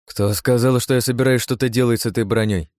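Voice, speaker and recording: A man's voice: medium pitch, steady tone, quick pace, a little mellow, no echo, clean studio sound, pitched above the performer's own voice, natural voice. A man voicing a sarcastic young male hero in an audiobook, wry and matter-of-fact.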